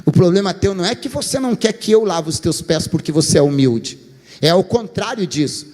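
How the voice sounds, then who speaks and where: High-voiced Brazilian pastor preaching. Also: male voice, a little fast, big-room sound. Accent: Brazilian Portuguese. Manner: lively, colloquial storytelling preacher, addresses the congregation. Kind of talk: sermon.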